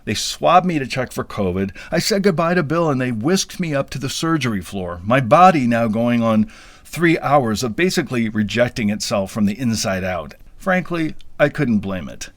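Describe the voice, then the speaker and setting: A man's voice: medium pitch, expressive, moderate pace, no room sound. A man telling a funny personal story in a wry, self-deprecating, playfully dramatic way. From US Midwest. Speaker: podcast storyteller. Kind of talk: comic first-person storytelling.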